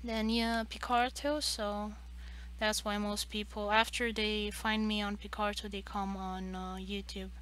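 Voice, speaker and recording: A woman's voice: medium pitch, little pitch movement, unhurried, a bit bright, slight background noise. A woman in her late twenties chatting casually on a livestream, hesitant and rambling as she talks. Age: late 20s. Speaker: streamer and artist.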